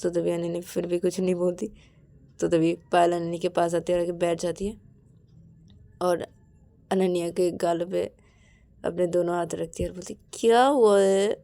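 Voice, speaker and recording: A woman narrating a story in a quiet, casual way, tying it together with repeated linking words. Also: fairly low pitch, monotone, moderate pace, vocal fry, long pauses.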